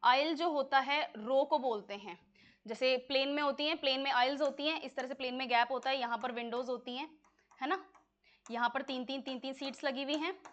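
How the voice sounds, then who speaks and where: A woman's voice: high-pitched, brisk, fairly bright tone, dull audio. A woman teaching an English exam-prep lesson in Hindi, explaining words step by step and often checking that students follow.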